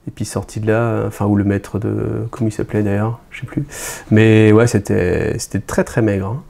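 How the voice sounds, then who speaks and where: A man's voice: fairly low pitch, fairly even intonation, moderate pace, gravelly, warm tone. A man giving a casual, rambling hobby review, hesitant, with many fillers and restarts and chatty asides to his viewers. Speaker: YouTube host reviewing a wargame codex.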